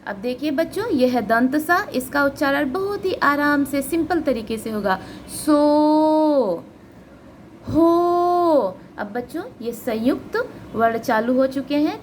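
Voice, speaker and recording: Slow, high-voiced woman teacher. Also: slight background noise. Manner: slow, drawn-out syllables for children to repeat; patient, explains step by step. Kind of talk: children's Hindi phonics lesson.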